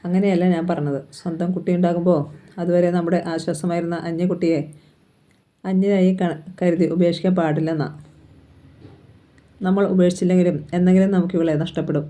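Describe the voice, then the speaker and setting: A storyteller reading aloud, voicing a gentle young mother who pleads softly in a Kerala Malayalam accent. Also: mid-range voice, flat delivery, a little fast, pauses often, lightly acted. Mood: pleading. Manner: pleading, soft.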